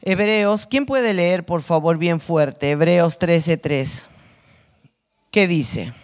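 A woman's voice: lowish voice, drawn-out words. A woman prison minister giving a blunt, emphatic testimony sermon to a congregation.

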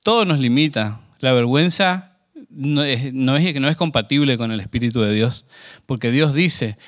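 A man preaching a sermon with a medium-pitched voice. He talks in a relaxed, conversational way and keeps asking his listeners questions. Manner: conversational, asks the congregation questions.

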